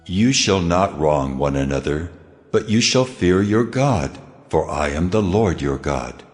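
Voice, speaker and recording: The Lord, speaking in a grave, commanding manner from a very deep register. His words ring out with a long hall-like reverb over soft music in a dramatized scripture production. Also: expressive, a little slow. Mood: solemn. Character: the Lord, a solemn commanding divine male voice. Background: faint music.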